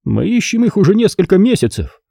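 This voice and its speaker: A man voicing a middle-aged police inspector in an audiobook, in a tense, clipped, higher voice. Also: very animated, fairly quick, creaky, dark tone, no room sound, clean studio sound, heavily acted. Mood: grim.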